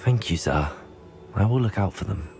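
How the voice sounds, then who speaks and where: A man's voice: fairly low pitch, lively intonation, normal speed, a little mellow, soft background music, lightly acted. A man voicing a polite, earnest young student in a game cutscene.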